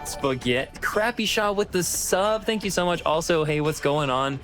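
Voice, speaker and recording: Upbeat streamer guy, kinda high voice, shouting out chat, faint music in the back. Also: expressive, normal speed. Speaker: streamer hosting a tier list. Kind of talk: casual live-stream chat.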